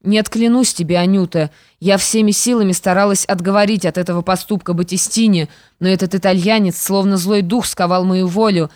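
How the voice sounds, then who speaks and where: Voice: mid-range voice, steady tone, brisk, hardly any pauses, a little mellow, no echo, studio quality, natural voice. An audiobook reader voicing a once-proud stepmother who now speaks bitterly and pleads. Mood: pleading, bitter.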